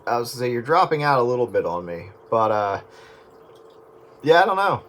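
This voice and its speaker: Talking quickly with big pitch swings, a medium-pitched man with a fairly bright tone jokes and rambles casually as an amateur on two-way radio. The sound comes through a transceiver mic on a very noisy radio transmission.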